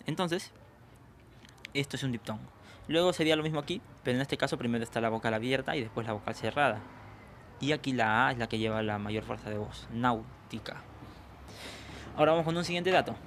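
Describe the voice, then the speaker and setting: A man talks through a lesson in a patient, explanatory way, pausing to ask his students whether they follow. His voice sits at an ordinary middle pitch. A faint background hiss is heard under the recording. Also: a bit bright. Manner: explanatory, checks understanding with frequent questions. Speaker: teacher. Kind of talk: online language lesson.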